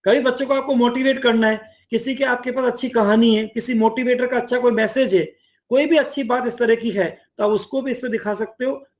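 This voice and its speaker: A man explaining an online teaching platform in a lively conversational way, often acting out teachers and students. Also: extremely high pitch, fairly quick. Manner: enthusiastic, acts out teacher and student lines. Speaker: education platform mentor.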